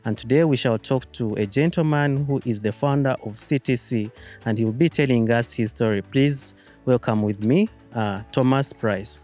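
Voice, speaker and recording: A man hosting an interview, asking long questions with halting starts and short murmured replies. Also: mid-range voice, a little mellow, soft background music. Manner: hesitant, many uh fillers, short backchannels. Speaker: interview host.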